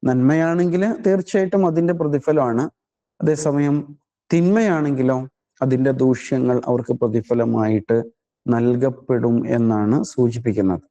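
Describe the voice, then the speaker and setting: A man's voice: medium pitch, dark tone, highs cut off. A man teaching a scripture study class, methodically explaining the meaning of Arabic words one at a time. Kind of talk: religious study lesson.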